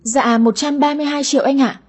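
A woman voicing a greedy, sulky daughter in her thirties with a high, whiny voice in an audio story. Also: steady tone, fast, darkish tone, close to an everyday voice. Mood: coaxing. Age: 30s. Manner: whiny, cheeky.

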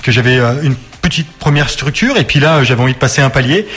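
Fast-talking man in his forties. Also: medium pitch, lively intonation, fairly bright tone. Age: 40s. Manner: quick, stumbling restarts and repeated words. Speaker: sports coach and TV fitness columnist guest. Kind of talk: casual radio interview.

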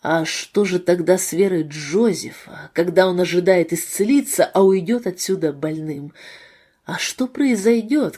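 A woman voicing a bitter, wounded husband with a low, muffled voice in a read-aloud novel. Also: slightly rough. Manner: bitter, hushed.

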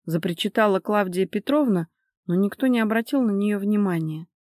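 Woman reading an audiobook, steady and measured, dry close mic. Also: medium pitch, no echo. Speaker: narrator. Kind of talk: audiobook narration.

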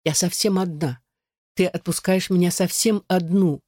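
A man's voice: high-pitched, fairly even intonation, moderate pace, a little mellow, no room sound, studio quality. A man reading as a frail dying old woman. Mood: bitter. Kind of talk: audiobook reading.

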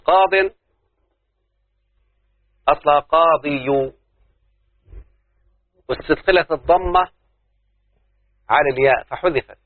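A man's voice: on the high side, slow pace, long pauses, no echo. A man with an Egyptian accent teaching a grammar lesson to a class, explaining step by step and putting questions to his students. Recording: tinny phone-like dry recording.

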